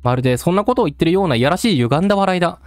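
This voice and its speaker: A man voicing a rough-talking male storyteller who taunts the listener in coarse street speech. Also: sits high, animated, racing, no echo, studio quality. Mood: taunting. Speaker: game let's-play narrator.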